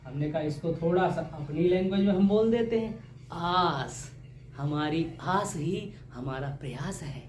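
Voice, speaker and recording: A man's voice: on the high side, measured pace, darkish tone, reverberant, slight background noise. Joking male teacher drilling a class. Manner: drills by asking questions and repeating the answers; joking, homely teacher talk. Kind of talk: exam-prep grammar lesson.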